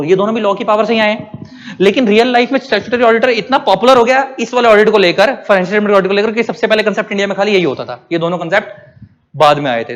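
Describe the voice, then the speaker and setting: Guy teaching class, high voice, asks stuff then answers it, long echo tail. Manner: asks questions and answers them himself. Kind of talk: classroom lecture.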